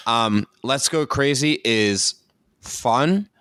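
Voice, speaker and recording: A man's voice: medium pitch, very slow, a bit bright, smooth, no room sound, clean studio sound. A man, a dancer and podcast co-host, chatting casually and thinking aloud with lots of fillers. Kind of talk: casual chat.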